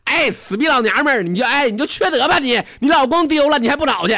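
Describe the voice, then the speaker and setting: A man voicing a bratty four-year-old boy with a Northeastern Mandarin accent, whining and scolding in a shrill voice. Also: expressive, normal speed, bright, forceful tone, heavily acted.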